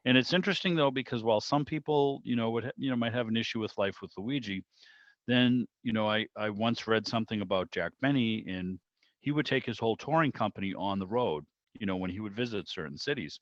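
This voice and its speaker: Speaking briskly in a lowish voice, a man hosts an online club meeting from indoors, rambling enthusiastically about old radio and thinking aloud along the way. The video-call audio is muffled and roomy.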